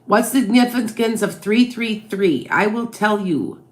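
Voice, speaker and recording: A Midwestern psychic tarot reader with a Wisconsin-Chicago blended accent answers viewers' questions on a live stream, tagging her points with "okay? all right?". Her medium-pitched voice is unhurried with a darkish tone.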